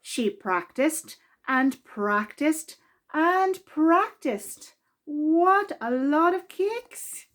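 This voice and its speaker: A woman with a high voice reads a children's story aloud, expressive and deliberate, stretching out key words for emphasis.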